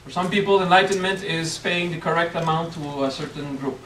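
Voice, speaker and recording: Brisk and on the high side, with a fairly bright tone, a middle-aged Frenchman leads a playful workshop as a spiritual teacher, repeatedly asking "okay?". The hotel meeting room is echoey, the camera is far away, and there's slight background noise.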